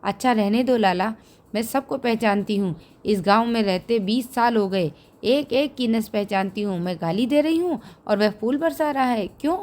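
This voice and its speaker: A woman's voice: a little high, normal speed, natural voice. Woman reading a fierce scolding village wife. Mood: angry shouting. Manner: shouting, scolding, defiant. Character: fierce quarrelsome village wife, middle-aged.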